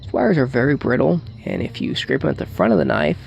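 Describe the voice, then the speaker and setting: A man giving a casual hands-on tutorial, thinking aloud in a halting way as he works, with wry humour. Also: medium pitch, wildly swooping pitch, creaky, darkish tone, dull audio. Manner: thinks aloud while working, halting, wryly joking. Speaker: hobbyist demonstrating an electronics hack.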